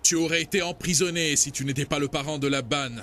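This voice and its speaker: An actor dubbing a sneering official who orders punishment, in a historical drama. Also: male voice, on the high side, steady tone, quick pace, bright, forceful tone, slight background noise. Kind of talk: French dub of a historical series.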